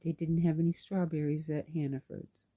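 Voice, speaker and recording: A woman's voice: deep voice, normal speed, no room sound. A woman vlogger casually telling a story in a chatty way, acting out what people said. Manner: chatty, animated, acts out dialogue. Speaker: knitting vlogger and caregiver.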